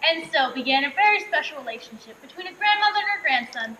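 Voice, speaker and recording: Woman as syrupy dramatic stage narrator, mock sentimental, high bright voice, echoey room. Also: lively intonation, fast talker, highs cut off. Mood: syrupy, earnest. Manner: dramatic, earnest. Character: earnest, syrupy TV-movie narrator introducing a tearjerker. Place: theatre stage. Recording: roomy stage, faint noise.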